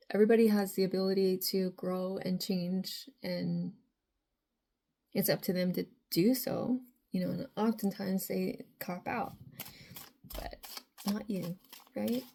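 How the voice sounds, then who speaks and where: A woman with a raspy, mellow voice talks through a tarot reading for her viewers. She keeps a narrow, even pitch and wanders from thought to thought with lots of filler. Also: measured pace, slight background noise. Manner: rambling, frequent filler phrases. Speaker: tarot reader.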